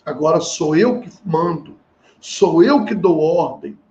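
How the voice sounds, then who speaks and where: A man's voice: a little high, animated, slow pace, a little mellow. A middle-aged man, a family therapist telling stories in an earnest seminar talk and acting out the dialogue. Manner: earnest, acts out quoted dialogue. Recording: slightly dull with faint hiss.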